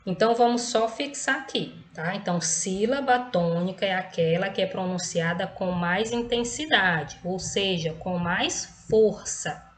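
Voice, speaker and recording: A Brazilian woman gives a recorded lesson to young pupils at a medium pitch. She is patient and repetitive, checks in with the class after nearly every point, and slows right down to draw out syllables. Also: roomy sound. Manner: stretches key words slowly to stress syllables. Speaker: teacher.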